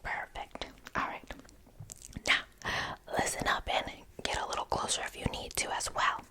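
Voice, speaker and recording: A woman's voice: moderate pace, low-quality recording. A woman in a whispered role-play, whispering a secret as a gossipy ear-cleaning attendant confiding in a client. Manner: whispering a secret, hushed and conspiratorial. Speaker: ASMR performer.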